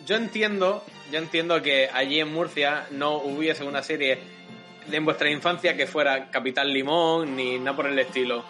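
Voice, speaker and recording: A man with an Andalusian accent in a casual group chat, giving an excited, rambling speech. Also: a little high, normal speed, faint music behind.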